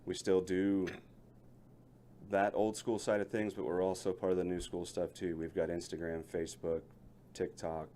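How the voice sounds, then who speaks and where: This middle-aged local business owner from the Lebanon, Missouri area talks in a radio interview, folksy and rambling, often restarting and correcting his sentences. His voice is low and dark, level in tone, at a moderate pace, with a little hiss or hum.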